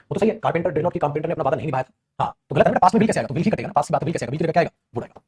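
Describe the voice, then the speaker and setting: Fast-talking husky male grammar teacher. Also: a little high, expressive, a little mellow. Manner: addresses students affectionately as beta, quizzes them constantly; mixes Hindi explanation with read-out English sentences. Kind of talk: online exam-prep lesson.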